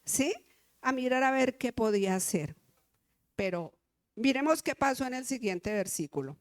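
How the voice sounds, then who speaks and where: A woman's voice: fairly high pitch, no room sound, clean studio sound. A woman with a Colombian Spanish accent preaching an earnest sermon in church, often checking in with the congregation.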